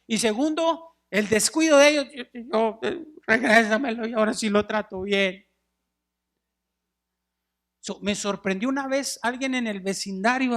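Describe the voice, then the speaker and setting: A middle-aged man preaching a sermon in a church, telling stories with animation and calling his listeners brothers. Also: extremely high pitch. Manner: animated storytelling, acts out wailing mourners; addresses listeners as brothers, drops in English words. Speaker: pastor. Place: church sanctuary.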